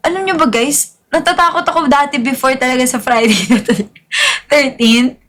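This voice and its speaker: A Filipino-accented woman runs a live gaming stream with constant hype and coaxing. Her voice sits very high and sounds bright and forward, while still soft and calming. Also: normal speed. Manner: upbeat hype, coaxing viewers to follow and repost.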